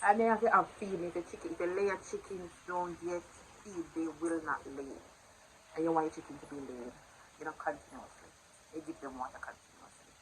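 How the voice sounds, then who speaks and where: Speaking quite quickly in a low, steady voice, a young vlogger with a Jamaican accent chats warmly to her viewers from indoors at home one morning, getting loud when she plays with her baby. She's in her twenties, and the low-quality recording has slight background noise.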